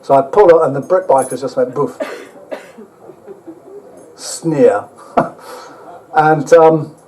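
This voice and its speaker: A man's voice: a little high, unhurried, darkish tone, slight background noise, poor audio. A man telling a rambling, self-mocking travel story to a live audience, with casual swearing. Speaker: speaker at an overland motorbike event.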